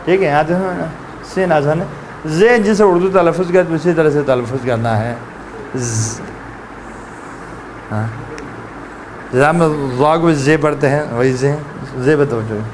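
A man's voice: a little high, background noise. A man teaching Quran letter pronunciation in a classroom, drilling sounds aloud and coaxing students to repeat. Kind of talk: classroom tajweed lesson.

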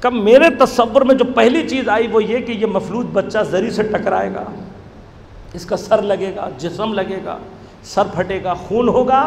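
A preacher telling a moving story in a dramatic sermon, building to loud, impassioned outbursts. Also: male voice, sits high. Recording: echoey hall with faint noise.

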